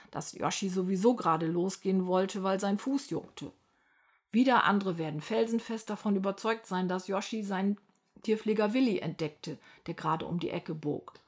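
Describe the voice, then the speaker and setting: A woman narrating a children's story aloud, lively and expressive. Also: medium pitch.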